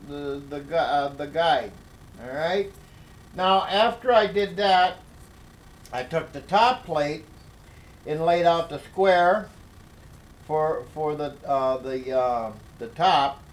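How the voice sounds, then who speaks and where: An older man explaining a workshop project at his workbench, talking slowly with many fillers and restarts. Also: a little high, low-quality recording. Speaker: DIY workshop instructor. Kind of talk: hands-on workshop tutorial.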